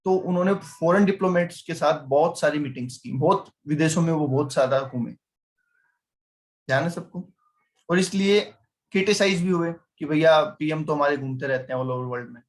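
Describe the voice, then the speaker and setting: A man's voice: a little high, moderate pace. A male teacher giving a chatty lecture, teasing his students and constantly quizzing them. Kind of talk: classroom lecture.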